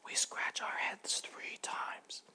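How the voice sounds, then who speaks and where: A man voicing a group of gentle, habit-bound butterflies in a breathy whisper. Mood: hushed. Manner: breathy unvoiced whisper, soft and slow.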